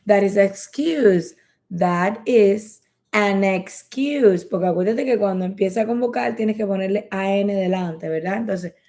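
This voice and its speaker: A woman teaching English in a lesson, slowly repeating phrases for learners to practice. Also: mid-range voice, warm tone. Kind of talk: bilingual language lesson.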